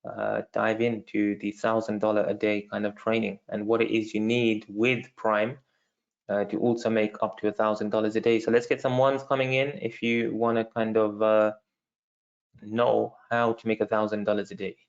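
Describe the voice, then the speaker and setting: Creaky and low-leaning, the voice of this London host stays flat at a moderate pace over dull audio. Running a live online marketing training that sells via webinar, he speaks in a London accent, casually and with many fillers, calling viewers "guys."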